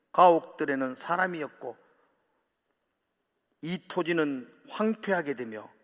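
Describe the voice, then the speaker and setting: Animated pastor preaching in a reverberant hall. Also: male voice, fairly high pitch. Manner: animated, acts out quoted voices with big swings of loudness. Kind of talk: sermon. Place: church sanctuary. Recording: long church hall reverb.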